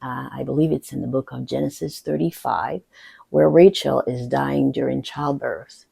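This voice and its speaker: A woman from the Caribbean, with French as her first language and an accent to match, gives a reflective personal teaching talk. Her voice is strongly gravelly, husky and mellow. She speaks earnestly, pausing often. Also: sits low. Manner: earnest, thoughtful, with pauses and fillers. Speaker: coach.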